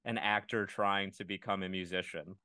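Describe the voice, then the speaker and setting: A man's voice: sits low, fairly even intonation, moderate pace, bright, forceful tone, dry recording. Man, comedy podcast co-host, casual riffing, loose laughing banter, dry close sound.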